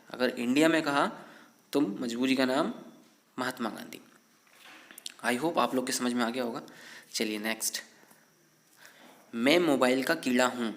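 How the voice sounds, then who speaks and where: A man from India teaches everyday English phrases in a relaxed, casual way. He repeats each sentence slowly and clearly so learners can follow. His mid-pitched voice rings a little in an echoey room. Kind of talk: casual spoken English lesson.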